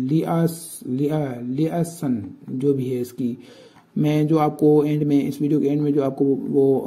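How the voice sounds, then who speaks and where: Pakistani-accented man, very dark tutoring voice. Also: fairly high pitch. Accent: Pakistani Urdu. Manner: explains slowly, repeating words and spelling them out. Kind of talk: casual spoken lesson.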